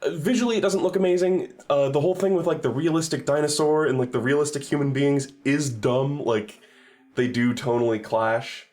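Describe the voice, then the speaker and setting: A man's voice: a little high, a little fast, darkish tone. A man giving casual, rambling game reviews on a stream, swearing freely and correcting himself as he goes.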